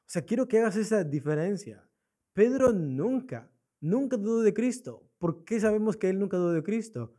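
A man's voice: sits high, expressive, normal speed, mellow. A man preaching a sermon in a church, asking his congregation rhetorical questions and repeating his key points. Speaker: pastor.

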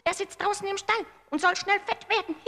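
A woman voicing a cruel, cackling old witch in a storybook reading, shrill and creaky. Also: sharp tone, long reverb tail, heavily acted. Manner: gloating, commanding, scornful.

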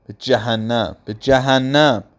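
A man's voice: medium pitch, steady tone, close to an everyday voice. A man voicing a cruel, domineering aging aristocrat who speaks in curt commands.

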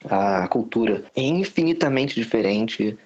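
A man's voice: lowish voice, lively intonation, a little slow, a little mellow, muffled recording. A man with a Brazilian Portuguese accent talking bluntly and with slang in a casual podcast conversation, giving strong opinions. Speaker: podcast guest.

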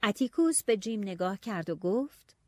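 A woman narrating a novel in the first person, telling it in a lively, expressive way. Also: mid-range voice, no room sound, studio quality. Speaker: audiobook narrator.

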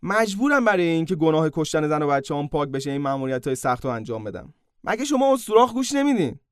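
A man's voice: fairly high pitch, big pitch swings, smooth, no echo, studio quality, voice pushed down. A man voicing a wronged male demigod hero who pleads in a self-pitying way. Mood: pleading.

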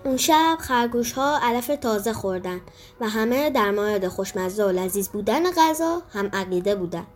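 A woman acting as storyteller, reading a children's story aloud in an expressive, even way. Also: medium pitch, faint music behind.

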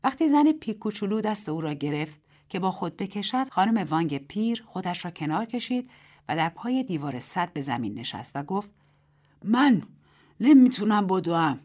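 A woman reading a literary short story aloud as narrator and host, in a measured, dramatic reading. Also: lowish voice, very animated, darkish tone.

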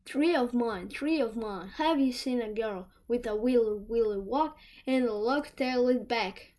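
Sing-song, raised, quiet old witch, put on by a woman storyteller. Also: a little high, unhurried, voice pushed up, lightly acted. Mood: wheedling. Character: greedy old female witch hunting a thief.

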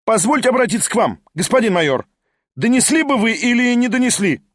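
A man voicing an agitated, pushy male schemer who keeps pressing and shouting questions. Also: very high-pitched, lively intonation, a little fast, dry recording, voice pushed up. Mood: insistent.

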